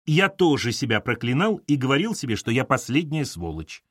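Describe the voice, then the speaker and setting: A man's voice: medium pitch, sing-song, fairly quick, breathy edge, no echo, studio quality, pitched above the performer's own voice. A man reading an audiobook, voicing a blunt older male colleague who coaxes and pushes. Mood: pleading.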